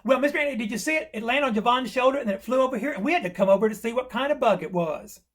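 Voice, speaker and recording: An eager young schoolboy, insistent and wide-eyed, his voice pitched high above the storyteller's own and carrying a husky edge, as a man puts him on mid-story. The boy pushes hard to be heard. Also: rapid-fire. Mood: excited. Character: excited curious young schoolboy.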